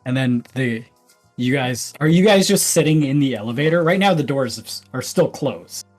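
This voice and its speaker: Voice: mid-range voice, animated, moderate pace, a little mellow, soft background music. Playful laughing game master. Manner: laughs often, narrates playfully. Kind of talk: narrating a tabletop game.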